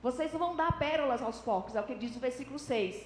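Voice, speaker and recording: A woman's voice: sits high, lively intonation, fast talker, slight background noise. A woman preaching a sermon to a congregation, explaining scripture and acting out everyday examples with shifting intonation. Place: church hall. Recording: echoey church hall with long reverb.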